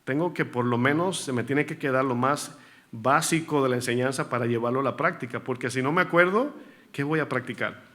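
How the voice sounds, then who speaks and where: A man's voice: medium pitch, fairly quick, fairly bright tone. A male pastor preaching a sermon in church, often asking the congregation questions and repeating key words for emphasis.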